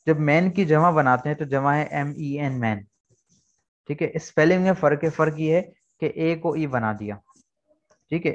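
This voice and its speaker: A man's voice: fairly high pitch, lo-fi sound. A man teaching an online English lesson, explaining words patiently and repeating key points. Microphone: video call.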